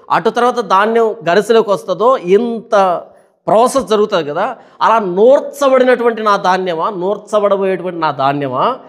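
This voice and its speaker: High-voiced pastor preaching with animated questions. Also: male voice. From India. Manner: animated storytelling with rhetorical questions. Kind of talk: Bible study sermon.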